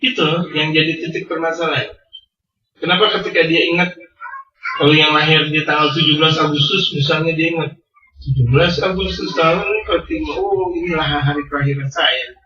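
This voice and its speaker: A man preaching a sermon, animated and teasing, swinging between loud and soft. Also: a little high. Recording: echoey hall, distant mic, dull sound.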